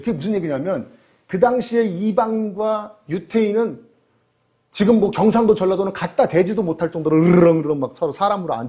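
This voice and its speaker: A man's voice: sits high, mellow. A man preaching a sermon as pastor, telling stories animatedly and throwing rhetorical questions to the congregation.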